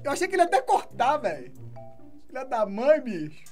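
A Brazilian woman calls her football video game match live, taunting and swearing as she plays. Her voice sits high and swings widely in pitch. Music runs clearly underneath her. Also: a little fast. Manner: excitable, taunting, swears often. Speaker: gaming streamer.

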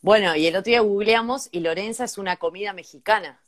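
Speaking quickly at a medium pitch, a woman with an Argentine Spanish accent co-hosts a laid-back comedy podcast. She reads out listener emails, adding playful jokes along the way.

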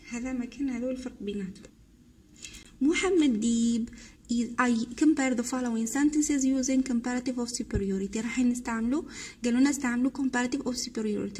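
A woman with an Algerian Arabic accent, an English teacher explaining a grammar lesson. She switches between dialect Arabic and slow, drawn-out English example words. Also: fairly high pitch, mellow, a little hiss or hum.

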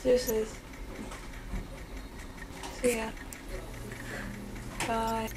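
A woman's voice: fairly high pitch, little pitch movement, very slow, background noise. A young woman rambling in a childlike, groggy way after having her wisdom teeth out, loopy and numb-mouthed, in casual chat. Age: young adult. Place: small dental clinic recovery area, indoors. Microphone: handheld camera at close range.

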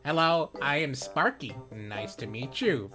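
A woman's voice: extremely low pitch, expressive, a little slow, music in the background, pitched below the performer's own voice. Woman doing a beeping, whiny robot voice. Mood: robotic greeting. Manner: robot voice with beeps and boops. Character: small hungry whiny male robot helper. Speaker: streamer. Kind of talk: reading video game dialogue aloud.

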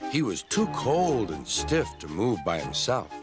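A man with a lowish voice reads a scripted children's storybook a bit slowly, acting out each character with lots of expression while music runs beneath him.

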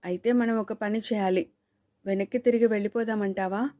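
A woman's voice: medium pitch, steady tone, brisk, mellow, no echo, clean studio sound, lightly acted. A woman reading the lines of a carefree, fearless young village man who talks bluntly and easily in a storybook thriller. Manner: blunt, easygoing.

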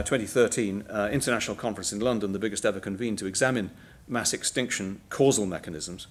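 Middle-aged male lecturer, low register, measured public talk full of ums. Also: a little mellow. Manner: measured, with frequent ums and uhs.

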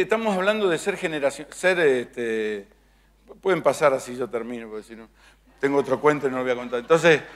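Man, middle-aged, Rioplatense accent, pastor, storytelling sermon, fairly high voice. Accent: Rioplatense Spanish. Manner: jokey storytelling preacher, acts out scenes.

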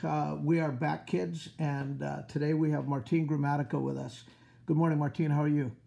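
A man's voice: a little high, level tone, normal speed, vocal fry, warm tone. A man, a school coach, hosting an upbeat interview for schoolchildren over a video call, with many fillers.

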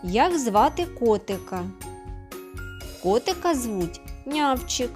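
Slow, patient kindergarten teacher woman. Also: fairly high pitch, a little mellow. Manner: slow, patient, asks questions and answers them herself; sounds out words syllable by syllable. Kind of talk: distance-learning literacy lesson for preschoolers.

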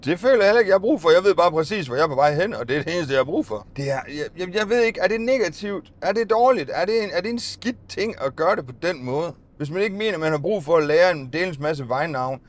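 A middle-aged Danish bus driver muses aloud in a casual vlog shot inside his minibus, likely on a phone or dashcam sitting on the dashboard. His fairly high, expressive voice rambles along with few pauses as he drives.

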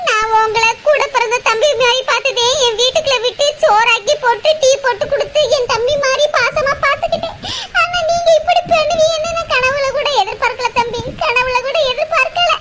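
A woman voicing a loud, melodramatic village woman in a cartoon, scolding and wailing with a Tirunelveli Tamil accent. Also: very high-pitched, fairly quick. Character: loud, dramatic village woman Rani, older sister. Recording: loud background noise.

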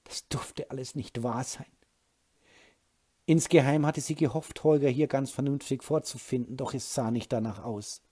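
A man narrating an audiobook in a calm, even storytelling manner with a husky voice. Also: mid-range voice, normal speed, hardly any pauses.

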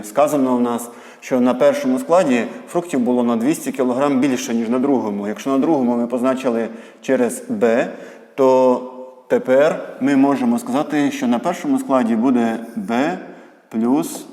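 A man's voice: mid-range voice, normal speed, warm tone. A man explains a math homework problem step by step, thinking aloud with fillers as he writes. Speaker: math tutor. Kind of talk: homework explanation while writing. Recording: echoey room with long reverb.

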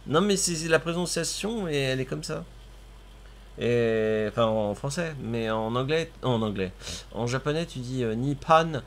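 A man's voice: medium pitch, measured pace. A man streaming a video game with his cousin, chatting casually, exclaiming at the action and laughing often. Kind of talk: casual gaming commentary.

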